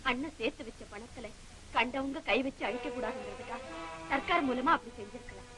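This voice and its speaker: A gentle young mother pleading. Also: a little high, a little fast, faint music behind, poor audio. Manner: pleading, earnest and defensive. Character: young mother, gentle and loyal to her brother. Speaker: young mother in a family film. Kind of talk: 1960s film acting.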